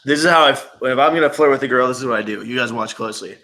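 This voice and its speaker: A young man hosts a loose group video call from his live stream, teasing his guests and laughing at his own bits. His voice has a clear, bright edge, and he sounds like he is on a video-call mic. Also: mid-range voice, racing, low-quality recording. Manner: joking, laughs often. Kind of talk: casual group video chat.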